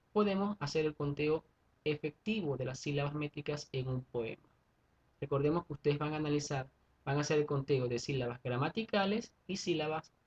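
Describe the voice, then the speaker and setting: A male schoolteacher explains a lesson step by step, pausing often to check that his students follow. His voice is husky and a little breathy. The recording sounds dull and lo-fi. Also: fairly high pitch. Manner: methodical, repeats steps and checks in with students. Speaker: secondary school teacher. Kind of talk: online class explanation.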